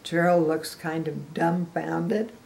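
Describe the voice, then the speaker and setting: Deep, creaky and darkish in tone, her voice stays steady and slow as this older woman reads a picture book expressively to small children, explaining the pictures and addressing the listener.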